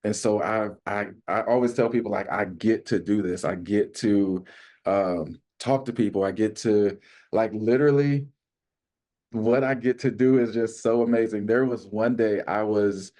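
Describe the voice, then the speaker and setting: A man's voice: on the low side, moderate pace, warm tone. A man from Arizona, a community minister, telling stories in a casual podcast chat with enthusiastic, exclamatory energy.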